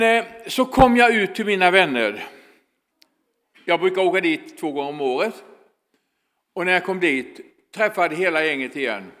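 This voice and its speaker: A man stands before an audience in a large hall and tells stories. His voice sits a little high and the room answers with a long echo. He slips in and out of quoted dialogue with lively energy. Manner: animated storyteller, quotes people in dialogue. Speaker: speaker addressing an audience. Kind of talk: storytelling talk.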